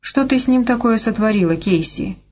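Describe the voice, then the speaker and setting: A man's voice: sits high, lively intonation, a little fast, darkish tone, voice pushed up. A woman reading an audiobook and voicing a guarded, wry man in love. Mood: amused.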